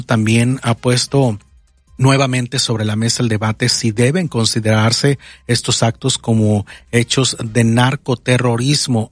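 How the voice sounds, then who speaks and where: Mexican guy hosting radio news, formal and measured, pretty flat intonation, dry studio sound. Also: on the low side, no room sound. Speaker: news radio programme host. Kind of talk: news presenting, partly read and partly ad-libbed.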